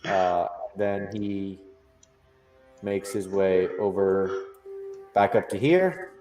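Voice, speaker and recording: A man's voice: sits low, very slow, a little mellow. A young man narrating as game master for a tabletop game, often repeating words as he restarts his sentences. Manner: stammering restarts, acts out characters' lines.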